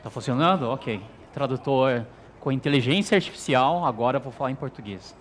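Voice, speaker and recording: A man from Brazil giving a measured, explanatory business presentation as a guest speaker. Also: mid-range voice, slight background noise. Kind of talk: stage presentation.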